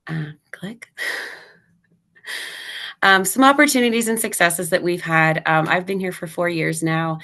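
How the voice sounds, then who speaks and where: A woman's voice: on the low side, unhurried, long pauses. A woman recovering from laryngitis, with a weak voice, giving a webinar presentation as a thrift store operations director. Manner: steady, informative delivery that cues slides.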